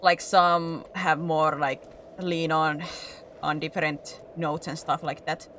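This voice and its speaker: A woman streamer with a Finnish accent and distinctly rolled R's gives casual gameplay commentary. Her voice is bright and forward, and she rambles in an animated, self-deprecating way. There is faint noise behind her. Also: sits low, slow. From Finland. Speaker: video game streamer.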